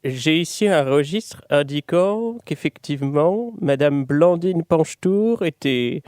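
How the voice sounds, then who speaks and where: A man's voice: a little high, animated, slow pace, darkish tone, dry recording, studio quality, voice pushed up. A man voicing a portly judge in his fifties in a tabletop game, formal and theatrical in delivery. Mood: unctuous, probing.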